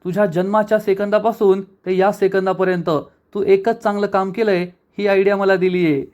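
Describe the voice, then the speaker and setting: A lovesick young woman in a serial recap, emotional and bossy with her friend, voiced by a male narrator. Her lines come out high and eager. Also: little pitch movement, normal speed, a little mellow, natural voice. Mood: upset.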